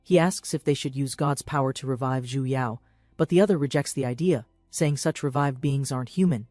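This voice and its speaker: A man narrating a story recap in an even, summarizing scripted style. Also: mid-range voice, brisk, dry recording, studio quality. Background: faint background music.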